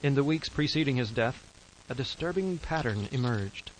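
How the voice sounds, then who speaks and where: A man's voice: medium pitch, expressive, moderate pace, close to an everyday voice, poor audio. Man as a grave documentary narrator. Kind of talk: scripted mock-documentary narration.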